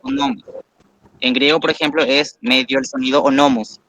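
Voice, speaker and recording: A man's voice: medium pitch, steady tone, normal speed, a bit bright, highs cut off, a little hiss or hum. A man teaching a language class, explaining patiently step by step and praising students.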